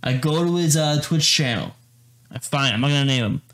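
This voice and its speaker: Animated young man telling a story. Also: on the high side, brisk. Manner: animated storyteller who acts out quotes, repeats words. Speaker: podcast co-host. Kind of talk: casual chat, storytelling.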